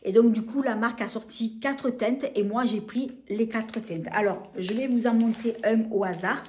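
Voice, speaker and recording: A woman's voice: a little high, moderate pace, a little mellow. A woman talking casually through a beauty haul, hesitant with many filler sounds. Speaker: beauty vlogger. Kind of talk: casual product haul talk.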